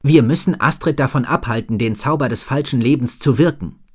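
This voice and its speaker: A man's voice: on the low side, expressive, moderate pace. A man reading a storybook and voicing a determined young female dragon master who speaks firmly.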